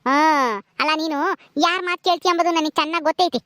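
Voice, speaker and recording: A woman's voice: very high-pitched, steady tone, fast talker, dry recording, studio quality. A woman playing a bitter, bossy village mother-in-law. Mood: scolding. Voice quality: sharp, scolding, bossy. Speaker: village drama actress. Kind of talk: village family drama acting.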